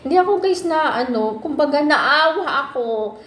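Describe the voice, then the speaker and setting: A woman's voice: sits high, expressive, moderate pace, a bit bright, a little hiss or hum. A Filipino woman chatting casually to her viewers, often calling out to them and mixing in English. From Philippines. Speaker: vlogger. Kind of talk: casual chat to camera. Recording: echoey room with faint ambience.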